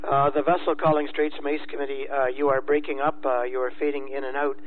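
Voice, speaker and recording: A man working as a race committee radio operator, talking in halting marine radio procedure with frequent fillers, heard over a crackly two-way radio transmission. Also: mid-range voice, level tone. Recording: crackly narrow-band radio with static.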